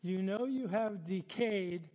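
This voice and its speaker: An older man preaches from the pulpit, chatty and easygoing, with frequent fillers and laughs. His voice sits high and his pace is slow and deliberate. Long reverb from the church hall trails behind each phrase. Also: mellow. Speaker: pastor. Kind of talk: sermon. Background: congregation responding.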